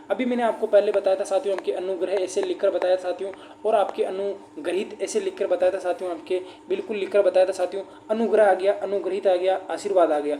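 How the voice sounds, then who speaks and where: Guy teaching an exam prep grammar class, mellow voice, keeps asking the class questions, echoey room. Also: high-pitched. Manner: addresses listeners as friends and brother. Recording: roomy echo, faint background noise.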